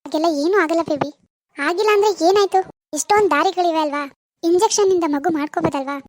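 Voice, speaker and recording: Give me a woman playing an anxious cartoon mother who pleads and soothes, high and quick. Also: a little mellow, dry recording, studio quality. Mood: pleading. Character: wealthy worried mother, middle-aged woman. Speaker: mother consoling her daughter. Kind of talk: cartoon voice acting.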